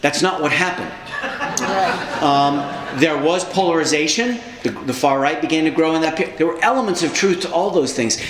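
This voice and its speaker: With a voice on the high side and a normal pace, this socialist activist looks back on his organizing days in chatty storytelling form. He brings the people he quotes to life with animated impressions, and the echoey room carries faint ambient sound.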